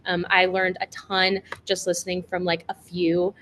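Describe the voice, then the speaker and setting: A woman's voice: fairly low pitch, completely flat delivery, normal speed, a bit bright, a little hiss or hum. Upbeat woman moderating a video panel. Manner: upbeat, filler-heavy moderating. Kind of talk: virtual panel discussion. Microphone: video call.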